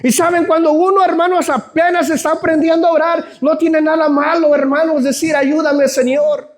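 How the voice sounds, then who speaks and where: Very high-voiced fervent male preacher. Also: little pitch movement, brisk. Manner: fervent preaching, often addresses the congregation as brothers. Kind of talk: sermon.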